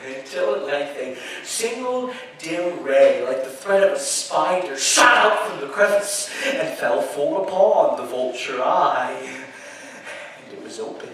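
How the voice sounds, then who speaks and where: A performer at an amusement park's live show plays an obsessive murderer gleefully chuckling through his confession, sounding animated, frantic, and furious at a fairly high pitch. He halts and repeats himself, veering between hushed and shouted lines in this theatrical gothic horror piece, recorded distantly in an echoey hall with faint noise.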